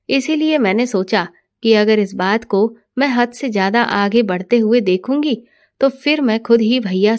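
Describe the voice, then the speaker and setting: A woman narrating a first-person family story in a steady, expressive storytelling manner. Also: a little high.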